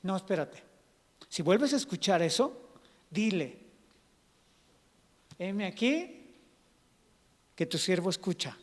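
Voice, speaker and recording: A man voicing an old priest, calm and patient, in a church hall. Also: high voice, slow, pauses often, exaggerated voice.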